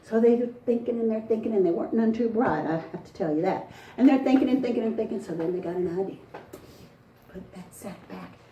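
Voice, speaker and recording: A woman tells a folktale with folksy drama, speaking to a live audience and calling on them to join in. Her voice sits a bit high and comes from some distance off the mic. The sound rings with echo over a faint hum of ambience. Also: fast, dark tone. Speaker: storyteller. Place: front porch event.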